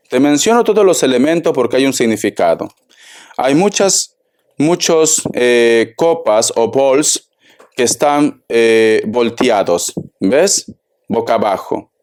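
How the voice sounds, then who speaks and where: A man giving a tarot reading, speaking slowly and deliberately and addressing the listener directly. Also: mid-range voice, animated, darkish tone. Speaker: tarot reader.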